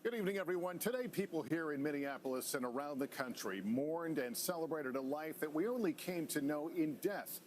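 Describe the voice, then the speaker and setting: Brief: measured male anchor, fairly high voice, slight noise. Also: lively intonation. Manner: measured, formal. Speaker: news anchor. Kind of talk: scripted news reading.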